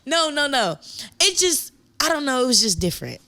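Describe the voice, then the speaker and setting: A young woman from Akron chats in a relaxed, slang-heavy, rambling way, with a fairly high voice. The sound is dry and close, with no room in it. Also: moderate pace, no room sound. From Akron, Ohio. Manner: laid-back, slangy, rambling. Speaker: musician guest. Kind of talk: casual interview chat.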